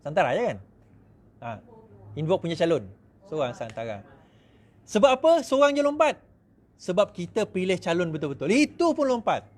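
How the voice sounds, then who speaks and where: A middle-aged man with a Malaysian accent, giving an animated speech to supporters, mimicking others in quick asides and laughing often. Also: sits high. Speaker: politician speaking to supporters.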